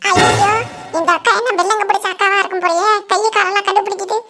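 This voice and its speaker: A woman's voice: extremely high pitch, fairly even intonation, quick pace, over music. Woman doing giggly scheming cartoon pranksters. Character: mischievous young pranksters scaring a woman.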